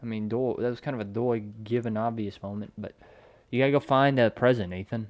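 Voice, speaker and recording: Gamer guy, mid-pitched, eager backseat commentator with lots of laughs; dry, close recording. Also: fast talker, no room sound. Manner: excitable, laughs often, backseat directing. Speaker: let's play co-host. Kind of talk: casual gaming commentary.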